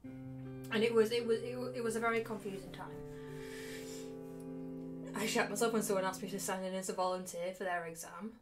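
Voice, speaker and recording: Brisk yet pausing often, the young woman speaks in a medium-pitched voice with fairly even intonation. Streaming games in a casual, chatty way, she rambles, swears and mocks herself while loud game music with guitar plays.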